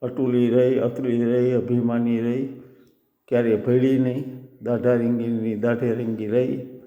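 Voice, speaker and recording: A man's voice: mid-range voice, level tone, unhurried, roomy sound, long reverb tail, narrow, tinny audio, close to an everyday voice. A man voicing a proud, lonely young female squirrel in a children's story, thinking aloud remorsefully.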